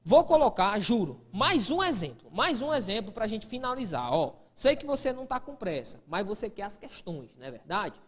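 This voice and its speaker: Animated male grammar teacher, echoey room. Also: sits high. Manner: answers imagined student questions, peppers speech with "ó". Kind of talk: exam-prep grammar lesson.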